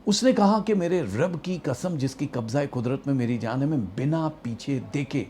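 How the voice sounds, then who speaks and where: A man telling a long personal spiritual story in a monologue, acting out the quoted dialogue with growing emotion. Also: slight background noise. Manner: animated storyteller, acts out quoted dialogue, rising emotional pitch.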